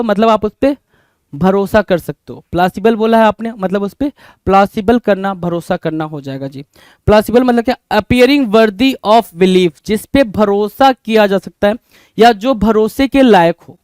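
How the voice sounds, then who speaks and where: A man's voice: very high-pitched, a little mellow, smooth, no echo. A man with an Indian accent teaching English vocabulary in Hindi, repeating each question back to his students. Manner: repeats questions to students, calls them brother.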